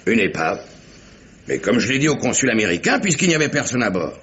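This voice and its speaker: In a French radio mystery drama, a male actor plays a gruff, impatient English merchant sea captain who talks bluntly and colloquially, grumbling and insisting. His medium-pitched voice is very animated, fairly quick and fairly bright, heard through a dull, noisy vintage radio recording.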